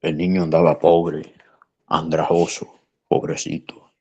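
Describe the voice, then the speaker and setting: Pastor man, very low voice, husky, emphatic storytelling. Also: completely flat delivery, unhurried, darkish tone, lo-fi sound. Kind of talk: preaching in conversation.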